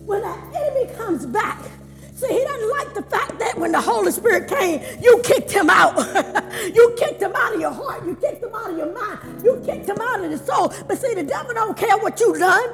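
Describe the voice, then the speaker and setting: A woman preaching a lively sermon in church, emphatic and laughing, often shouting her phrases. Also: very high-pitched, moderate pace. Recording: reverberant hall with music.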